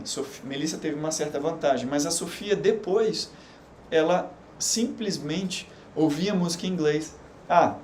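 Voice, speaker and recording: A man's voice: fairly high pitch, darkish tone. Chatty Brazilian man teaching on a live stream. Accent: Brazilian Portuguese. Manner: chatty, explains slowly with frequent fillers. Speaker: English teacher. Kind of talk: unedited live stream lesson. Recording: echoey room with faint background hum.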